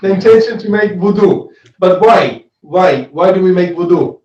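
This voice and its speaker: A high-pitched, expressive, mellow voice from Switzerland belongs to an Islamic studies teacher giving an interactive religious lesson at a moderate pace. He asks questions, repeats phrases and checks with "right?" frequently; the recording is lo-fi, roomy and echoey.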